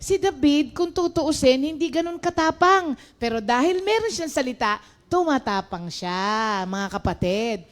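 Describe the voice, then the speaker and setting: A woman's voice: sits high, expressive, a little slow. A woman preacher giving a conversational sermon, mixing in English and calling her listeners brothers and sisters.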